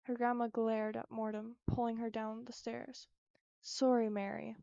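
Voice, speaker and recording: A woman reading her own short story aloud at a steady, careful pace. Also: fairly high pitch, moderate pace, creaky, dry recording, dull audio.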